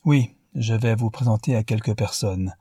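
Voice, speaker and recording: A man's voice: lowish voice, moderate pace, mellow, husky, no echo, studio quality. A man voicing a cold, stiff French marquis in an audiobook, with a solemn, formal manner.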